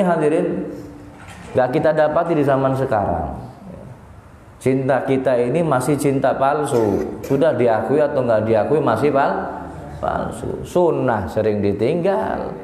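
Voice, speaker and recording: A man's voice: darkish tone, a little hiss or hum. A man gives a sermon in a large hall at a religious gathering, telling stories in a dramatic way and acting out the quoted lines. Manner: dramatic, acts out quoted lines with rising pitch. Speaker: preacher. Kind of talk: sermon storytelling. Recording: echoey hall with long reverb.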